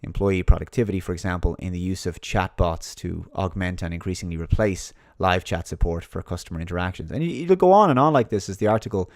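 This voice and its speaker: A man's voice: low-pitched, lively intonation, fast talker, few pauses, no room sound. A man giving a monologue commentary, reading out an article and mocking his opponents in sarcastic put-on voices.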